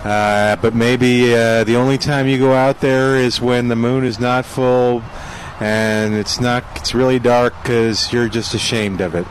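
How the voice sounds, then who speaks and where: A man's voice: medium pitch, steady tone, a little slow, a little hiss or hum, low-quality recording. An American man, a gardening radio host, talking casually through sponsor messages. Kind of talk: casual ad-libbed sponsor talk.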